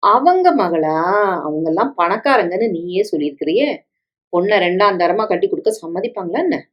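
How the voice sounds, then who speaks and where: Woman voicing a reluctant grown son, hesitant, gently protesting, story reading, dull recording. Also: fairly low pitch, animated, fairly quick, natural voice. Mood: gentle. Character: reluctant 35-year-old son, calm and doubtful.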